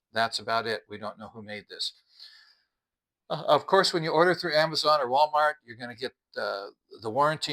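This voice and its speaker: In a low-quality recording, a mature man casually reviews a product, laying out each point plainly and methodically. His voice is bright and forward, pitched at an average male level.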